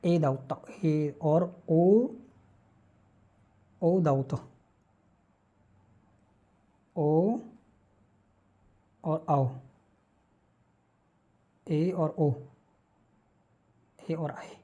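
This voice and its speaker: Mellow-voiced teacher drilling speech sounds. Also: male voice, fairly high pitch, drawn-out words, pauses often, lo-fi sound. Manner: asks questions and answers them himself; drills sounds by reciting them one by one. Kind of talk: classroom lecture on phonetics.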